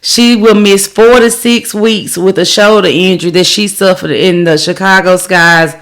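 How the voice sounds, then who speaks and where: Middle-aged mom co-hosting a sports pod, reads headlines, lots of ums. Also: female voice, mid-range voice, fairly even intonation, normal speed, fairly bright tone. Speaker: podcast co-host. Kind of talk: casual sports chat, reading out news.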